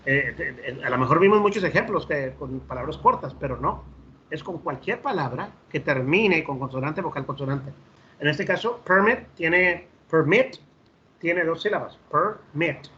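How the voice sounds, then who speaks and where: A man's voice: a little high, expressive, normal speed, bright, forceful tone. A man with a Mexican Spanish accent teaching an online English lesson, explaining grammar with many fillers and repeated words, switching between English and Spanish. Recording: slightly dull audio with faint noise.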